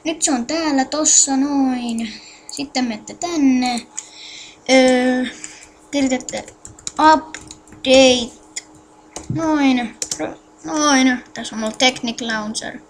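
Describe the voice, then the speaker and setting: Woman with a high voice doing a chill game tutorial, mumbles to herself while clicking, faint hiss behind. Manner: mutters to self while clicking, halting and distracted; addresses viewers directly with instructions. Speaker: tutorial maker. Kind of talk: casual screen-recorded game tutorial.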